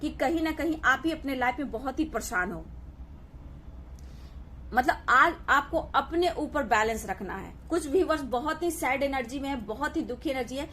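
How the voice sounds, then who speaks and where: A woman's voice: high-pitched, expressive, normal speed, sharp tone, a little hiss or hum. A woman giving a collective tarot reading, addressing viewers as "dear" and often repeating "okay" to reassure them. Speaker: tarot reader.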